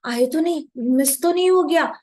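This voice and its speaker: A woman's voice: sits high, moderate pace, darkish tone, lightly acted. A woman voicing an anxious young village wife who frets in repeated worried questions.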